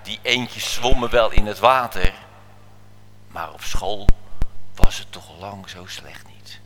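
A man voicing a young cabin boy in a children's story, eager and sometimes hushed. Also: lowish voice, slow pace, noisy background, voice pushed down.

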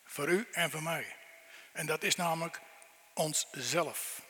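A man's voice: a little high, slow, sharp tone. A middle-aged man preaching a sermon, asking the listeners earnest, direct questions. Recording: long reverb in a church hall.

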